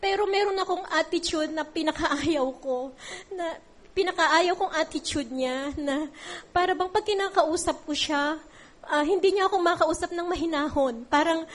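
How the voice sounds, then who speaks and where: A woman's voice: very high-pitched, normal speed. A middle-aged woman giving a heartfelt church testimony, tearful at times and using many fillers.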